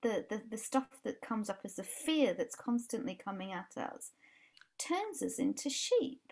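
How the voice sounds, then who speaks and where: An unhurried, sing-song voice, a little high and darkish in tone, belongs to a Yorkshire woman in her forties from England. As a life coach guest on a casual podcast, she chats earnestly via video call from a brick-walled room at home, frequently beginning her sentences again.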